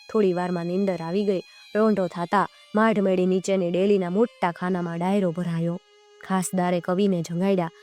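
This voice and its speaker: Woman narrating a folk tale. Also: lowish voice. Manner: acts out dialogue in dialect. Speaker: storyteller. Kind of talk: children's story narration. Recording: soft music behind.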